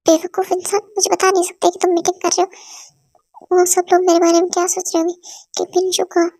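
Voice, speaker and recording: A woman voicing a hot-tempered young wife in an amateur fan-dub drama reading, scolding in a rapid tirade full of insults. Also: extremely high pitch, monotone, dark tone, no echo, studio quality. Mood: indignant.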